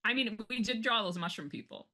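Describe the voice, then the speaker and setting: A woman's voice: on the high side, fairly quick, sharp tone. A woman co-hosting a casual podcast over a call, bossy and teasing, swearing freely and laughing often. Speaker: podcast co-host. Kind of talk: casual chat.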